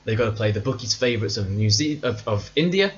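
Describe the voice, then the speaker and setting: A man's voice: lowish voice, expressive, quick pace, lo-fi sound. Chatty man hosting a podcast. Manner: chatty, playful and self-mocking. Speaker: podcast host. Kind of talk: casual solo cricket podcast.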